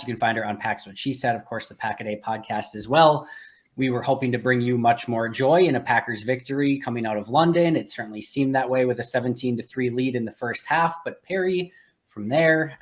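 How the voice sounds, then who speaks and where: A male podcast host with a mid-range voice. He delivers sports commentary in a conversational style, explaining his points analytically. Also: medium pitch.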